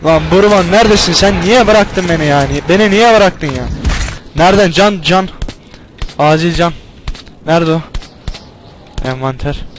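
A young man commentating a game as he plays, panicking, swearing and yelling at it. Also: high voice, normal speed, pauses often, a little hiss or hum, low-quality recording. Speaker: gameplay commentator. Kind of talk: let's play commentary.

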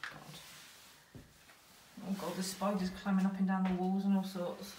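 A woman's voice: mid-range voice, monotone, normal speed, dark tone. Jittery woman exploring an echoey house. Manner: jittery, nervous exclamations. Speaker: urban explorer. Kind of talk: casual chat while exploring. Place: derelict farmhouse indoors. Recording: echoey empty house, clear noise.

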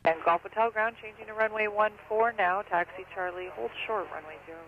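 A man with a high voice acts as ground controller. His procedural instructions arrive in clipped phrases over a thin radio link with faint static. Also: a little fast, phone-quality sound.

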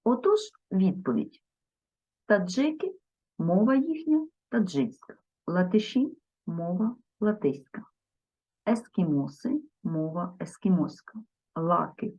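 A woman gives a grammar lesson in a slow, deliberate voice that is slightly husky, with a lively rise and fall in her pitch. She spells out each word form carefully and talks straight to her viewers. The recording sounds dull and lo-fi. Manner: addresses viewers directly. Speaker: teacher.

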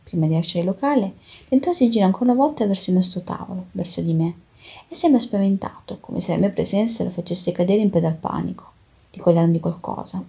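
Husky, breathy woman reading a novel. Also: mellow. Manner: measured, low-key first-person narration. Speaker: reader of a novel.

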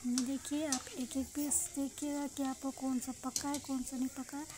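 A home cook and vlog host with an Indian accent gives viewers a chatty, repetitive cooking demonstration beside a frying pan in her home kitchen. Her high voice has a flat delivery at normal speed, and the phone recording picks up kitchen noise.

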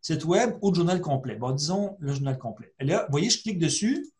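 A man's voice: a little high, animated, a little fast, darkish tone. A man, a librarian, talks through a screen-share tutorial in a conversational way, full of fillers and restarts. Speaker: librarian giving a webinar.

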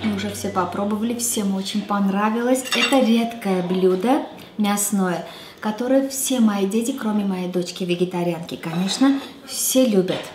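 Speaking at medium pitch and moderate pace, an Armenian-accented woman in her thirties hosts a cooking show at home. She talks casually and thinks aloud, using fillers and restarting sentences, while music plays in her echoey kitchen.

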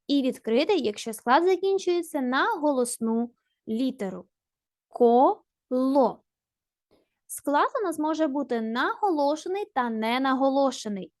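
A woman teacher with a Ukrainian accent and a high-pitched voice gives a primary school language lesson. Patient and encouraging, she asks questions and answers them herself. The studio-quality recording has no echo.

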